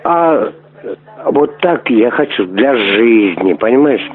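A man's voice: medium pitch, animated, slow pace, a crowd in the background. A man making a crude prank phone call, pushy and rambling, swearing often as he keeps asking to meet. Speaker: prank caller. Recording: tinny phone line.

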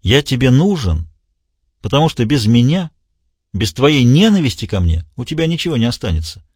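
Detective role in an audiobook: low, quiet, measured, dry voice, read by a man. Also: slightly rough, no echo. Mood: cold calm. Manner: quiet, even, deliberate. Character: calm, cold male detective, low and measured.

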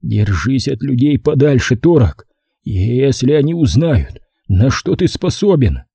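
A dying hunter father speaks slow, breathless, solemn words, as a man reading a storybook puts him on. His voice is very dark and husky, with a close, dry sound. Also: mid-range voice, very animated, dry recording, full character voice. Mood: tender weak. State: short of breath.

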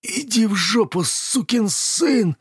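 A man's voice: a little high, very animated, takes it slowly, slightly rough, no room sound, pitched above the performer's own voice, full character voice. A foul-mouthed young man, beaten and hurting, spits out strained, snarling curses, as a male reader puts him on. The voice sits well above the reader's own and sounds pinched and thin. It is close and dry, with no room around it. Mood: snarling, pained. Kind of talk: audiobook character voice.

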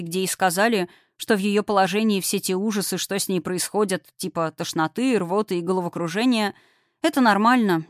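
A woman narrating an audiobook in an expressive, heartfelt storytelling manner. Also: mid-range voice, no room sound, clean studio sound. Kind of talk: audiobook reading.

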